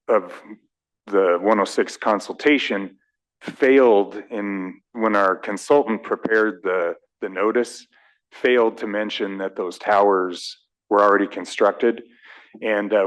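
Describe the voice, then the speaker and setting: Low-ish guy from the railroad, apologizing to a council, lots of ums and restarts. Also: low-quality recording. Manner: hesitant, apologetic, many fillers. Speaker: railroad company representative. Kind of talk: formal address at a council meeting.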